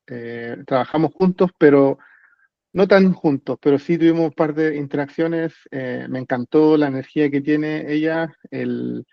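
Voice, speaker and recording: A man hosting a podcast interview, his voice gravelly and a little high for a man. He talks hesitantly, looping through fillers and restarts. The recording is dull and dry, with no room sound. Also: measured pace, no room sound. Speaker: podcast host. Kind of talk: conversational interview.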